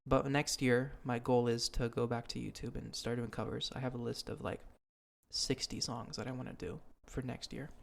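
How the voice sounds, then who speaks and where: The podcast host here is a young man with a gravelly, mid-range voice that barely moves in pitch, speaking at a normal speed. He chats casually and sincerely, wandering off with many ums and restarts.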